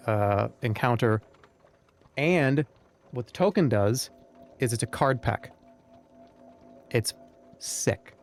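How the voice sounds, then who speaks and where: A man's voice: mid-range voice, a little mellow. Male streamer: casual gameplay talk, mid-range voice, music faintly behind. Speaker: game streamer. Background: game music.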